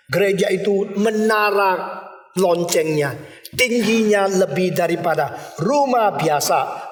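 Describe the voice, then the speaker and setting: A male pastor preaching a sermon, animated and emphatic, now and then mixing in English words. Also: high-pitched. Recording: echoey hall from a distance.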